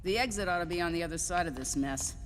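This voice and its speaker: A woman's voice: fairly low pitch, fast, in a large hall, a little hiss or hum, close to an everyday voice. A woman voicing a haughty know-it-all schoolgirl. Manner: haughty, cutting. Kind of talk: anime English dub.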